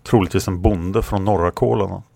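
A man reading a fantasy story aloud in a steady, measured way. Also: deep voice, creaky, dry recording. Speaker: narrator.

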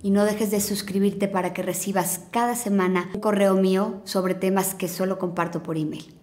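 Woman, 30s, podcast host, gentle, reassuring, scripted advice, medium pitch. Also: steady tone, moderate pace.

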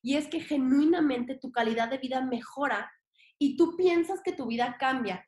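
A young woman with a Mexican accent and a high, darkish voice talks at a moderate pace as a podcast guest. Her casual interview talk is emphatic, full of slang and the odd swear word. The recording has a roomy echo.

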